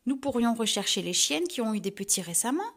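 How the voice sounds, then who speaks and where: A woman reading a children's storybook, voicing a friendly young woman with a soft, gentle manner. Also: on the high side, big pitch swings, a little fast, husky, exaggerated voice.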